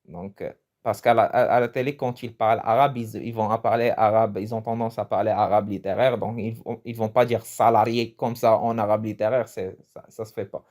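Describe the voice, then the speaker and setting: A man's voice: lowish voice, fairly even intonation, brisk, a little mellow. A man from Morocco giving a casual, chatty language lesson, often restarting his phrases and laughing at his own jokes. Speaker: language teacher.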